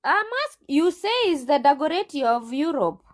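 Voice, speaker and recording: Woman, recruitment agent, high voice, very lively pitch, assertive, combative, repeats phrases. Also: normal speed. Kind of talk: heated interview.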